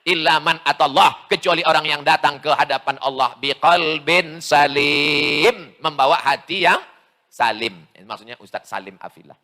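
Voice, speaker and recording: Loud, bright-voiced preacher man from Sumatra. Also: a little high, normal speed. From Sumatra, Indonesia. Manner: loud, emphatic, playful asides. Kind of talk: lively public sermon. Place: large crowd gathering.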